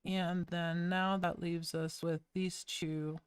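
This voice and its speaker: A woman's voice: fairly low pitch, flat delivery, smooth, dry recording. A woman live-streaming web development, muttering through each step of her code in a casual, wry way. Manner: slow, muttering, self-narrating while typing code. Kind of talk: thinking-aloud coding stream.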